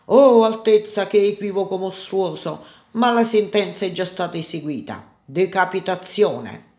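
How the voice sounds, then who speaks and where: A woman voicing a scheming, smug grand vizier in a storybook reading, slow and self-assured. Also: fairly low pitch, reverberant, lightly acted.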